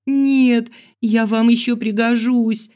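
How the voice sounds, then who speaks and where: A man voicing a frightened young woman who is tied up, shouting and pleading in a high, strained voice, as a character in an audiobook. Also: little pitch movement, measured pace, smooth, lightly acted. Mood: desperate. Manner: shrill panicked shouting and pleading. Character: frightened young woman heroine, bound and desperate.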